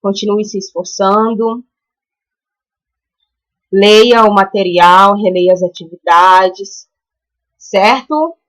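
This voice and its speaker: A woman's voice: mid-range voice, a bit bright, poor audio. Brazilian woman, primary teacher, recorded lesson, patient, explains step by step. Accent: Brazilian Portuguese. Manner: spells out example words slowly.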